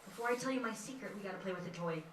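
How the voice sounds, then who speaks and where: A woman's voice: medium pitch, rapid-fire, noisy background. A woman leading a kindergarten music lesson, chanting and singing simple tunes and coaxing the children in a sing-song teacher voice. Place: indoor classroom. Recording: echoey room, voice from far off.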